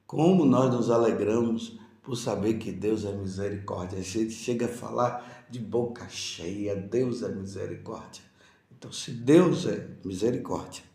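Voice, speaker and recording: Slow, gravelly priest preaching. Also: male voice, medium pitch, dark tone, echoey room. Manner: preaching with rhetorical questions, addressing listeners directly. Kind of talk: homily.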